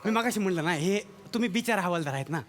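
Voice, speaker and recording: A man's voice: sits high, animated, fast. A man playing a meddling actor cast as an inspector, lecturing a co-star in a stage comedy sketch. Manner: lecturing, fussy, explains at length. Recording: stage show with music behind.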